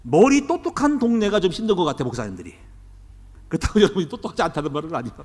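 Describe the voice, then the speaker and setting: Animated middle-aged Korean pastor preaching. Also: male voice, a little high, rapid-fire, in a large hall. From South Korea. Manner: animated, conversational preaching with quoted asides. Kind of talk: sermon. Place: church sanctuary.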